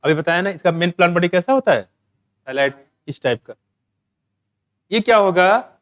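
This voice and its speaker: High-voiced man teaching biology. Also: lively intonation, a bit bright, no echo. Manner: asks and answers his own questions, reads English textbook lines slowly. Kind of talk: exam-prep lecture.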